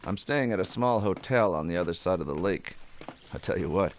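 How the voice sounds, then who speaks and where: A man's voice: low-pitched, expressive, a little fast, a little hiss or hum. A man voicing a confident, blunt homicide lieutenant in an anime dub, assured and matter-of-fact. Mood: self-assured.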